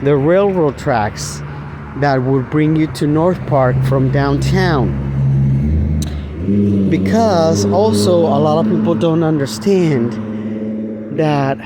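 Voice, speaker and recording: Vlogger, male, slow unhurried delivery, rambling walk-and-talk outdoors, passing traffic behind. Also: a little high, animated. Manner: rambling, halting, with many fillers and restarts. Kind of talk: walking vlog, casual rambling talk. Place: outdoors, walking along a street.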